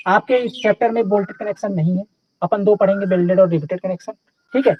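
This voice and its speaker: A man's voice: high-pitched, fast, dull audio, a little hiss or hum. A young man teaching a live online class in a casual, chatty way, often checking in with his students.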